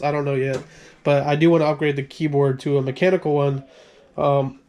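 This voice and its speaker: Showing off his gaming room in a casual tour, a man speaks with a fairly high pitch and a darkish tone. The gaming channel creator, an adult with a son, rambles and corrects himself apologetically, coughing now and then and sounding short of breath.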